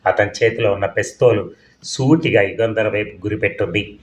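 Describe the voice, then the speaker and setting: A man reading a novel aloud as an audiobook narrator, in a measured, plain storytelling manner. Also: fairly low pitch. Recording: dull, echoey room.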